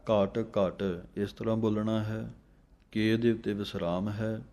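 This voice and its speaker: A man with a low, very dark, mellow voice teaches recitation at an unhurried pace. He chants each line slowly in an even, flat tone, then explains where the pauses fall. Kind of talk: slow recitation lesson with pause instructions.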